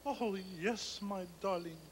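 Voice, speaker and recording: Grandiose lovesick flamingo opera singer Placido Flamingo. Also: male voice, very high-pitched, lively intonation, normal speed, a bit bright, slight background noise. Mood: hushed, devoted. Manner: florid, theatrical, bursts into operatic crooning. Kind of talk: children's TV puppet comedy.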